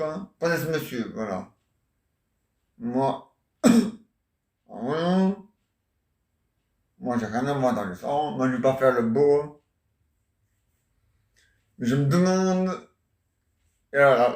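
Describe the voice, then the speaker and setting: A man retelling and acting out a stage comedy in a halting, playful way, full of restarts. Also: medium pitch, a little mellow. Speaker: theatre amateur. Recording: roomy sound from a distant mic.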